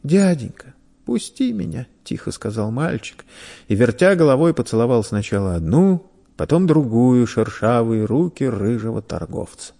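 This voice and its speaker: A man narrating a story in a dramatic, expressive reading. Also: medium pitch, normal speed. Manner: dramatic, varied delivery.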